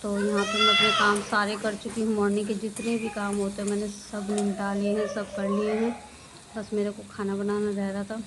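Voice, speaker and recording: A woman chats through her daily home vlog, homely and talkative, drifting from one thing to the next. Her pitch stays flat and level, and clear background noise from a family home runs under her voice. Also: a little fast. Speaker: daily vlogger. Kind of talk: casual chatty vlog narration.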